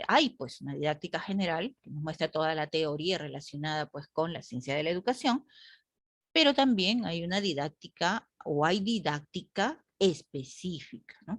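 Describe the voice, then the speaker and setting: Lively, low-voiced woman teacher. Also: normal speed, no echo, studio quality. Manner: rhetorical questions to the group, frequent tag "¿no?". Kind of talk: online class lecture.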